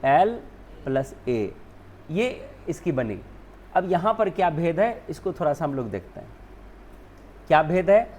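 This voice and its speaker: A man's voice: fairly high pitch, very animated, a little slow, long pauses, a little mellow, a little hiss or hum. A male teacher whose first language is Hindi, explaining spelling rules step by step, often asking and then answering his own questions. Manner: repeats "ठीक है ना", asks and answers own questions.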